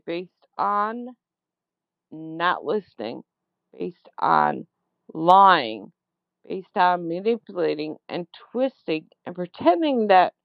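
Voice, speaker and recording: A woman's voice: fairly low pitch, creaky, no room sound. Woman leaving an angry phone voicemail. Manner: slow, emphatic, indignant, repeats words for stress. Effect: leaving a voicemail over a phone line. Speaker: caller leaving a voicemail for a politician. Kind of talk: angry complaint message.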